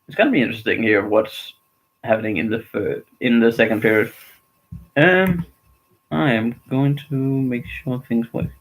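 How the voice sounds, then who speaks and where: A man's voice: medium pitch, normal speed, rough recording. A man from Denmark, giving casual, rambling live reaction commentary on a hockey game and grumbling about his team's play. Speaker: streamer.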